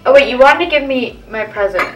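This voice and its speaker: A woman's voice: high-pitched, animated, fairly quick, fairly bright tone. A young woman talking casually through the makeup products she is putting on. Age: young adult. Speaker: makeup artist guest. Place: small room indoors, seated at a table. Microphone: camera a few feet away. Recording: distant mic, music behind, clinking.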